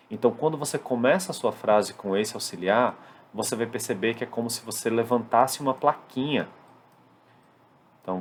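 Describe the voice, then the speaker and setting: A Brazilian man with a Brazilian Portuguese accent, teaching an English lesson at a whiteboard and slowing down to spell out English examples. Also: on the low side. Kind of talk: classroom-style lesson at a whiteboard.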